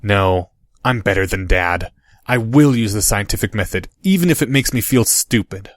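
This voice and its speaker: A man's voice: on the low side, lively intonation, moderate pace, no room sound, studio quality, lightly acted. A man voicing an earnest, stubborn, clever young boy in an audiobook, with an eager, insistent way of talking. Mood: resolute. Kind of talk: audiobook character voice.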